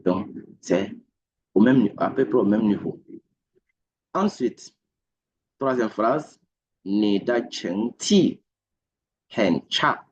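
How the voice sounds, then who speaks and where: A man's voice: lowish voice, darkish tone. A man teaching a recorded language lesson, patiently repeating each word and explanation. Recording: dull lo-fi recording.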